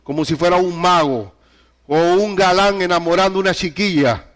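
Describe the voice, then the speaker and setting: A man's voice: sits high, moderate pace. A man preaching a sermon, speaking emphatically, repeating key phrases and asking the listeners rhetorical questions. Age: adult with a child.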